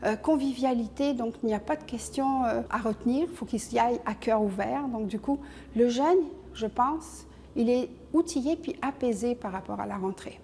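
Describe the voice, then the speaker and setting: A woman who works as a school settlement worker, explaining her role clearly in a documentary interview. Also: on the high side, normal speed, mellow, in a large hall, a little hiss or hum.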